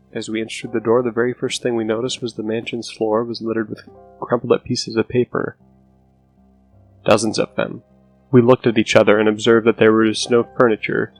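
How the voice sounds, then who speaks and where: A man reading a scripted scary story as narrator, with a low, hushed, haunting delivery and a gravelly creak in his voice. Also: rough recording. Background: music under the voice.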